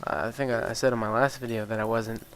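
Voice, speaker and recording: Quick-paced and mid-range, this casual gamer guy has a sniffly cold and a stuffy nose. As a gaming YouTuber he rambles and swears freely through his commentary, full of ums and uhs, getting excited and incredulous over game balance. A faint hiss sits behind him.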